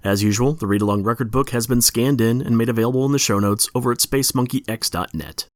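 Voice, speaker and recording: A man's voice: medium pitch, fast talker, dry recording, clean studio sound. A tired man hosting a podcast, reading a plainspoken scripted introduction. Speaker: podcast host.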